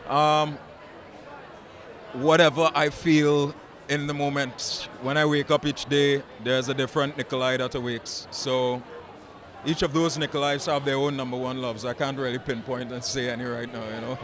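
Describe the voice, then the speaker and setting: A man, an actor talking in a relaxed, musing way at a red carpet interview. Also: mid-range voice, moderate pace. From Trinidad. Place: outdoor red carpet event. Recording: crowd chatter behind.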